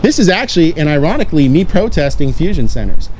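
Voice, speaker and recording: A man's voice: on the high side, big pitch swings, fast, a little mellow, slight background noise, low-quality recording. A man talking at length as an independent journalist, explaining and justifying himself with emphasis in conversation. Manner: talkative, self-justifying, emphatic.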